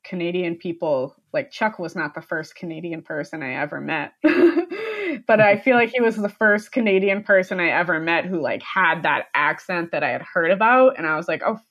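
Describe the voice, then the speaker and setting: A woman's voice: fairly low pitch, animated, moderate pace, fairly bright tone, muffled recording. Rambling, laughing young American woman. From United States. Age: young adult. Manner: rambling, frequent fillers and laughter. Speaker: guest. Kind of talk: casual podcast chat.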